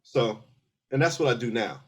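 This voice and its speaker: In this casual interview, a middle-aged army veteran from Philadelphia, USA, speaks in an expressive, slightly rough mid-range voice at a moderate pace. Earnest throughout, he builds his explanations step by step and restarts many times.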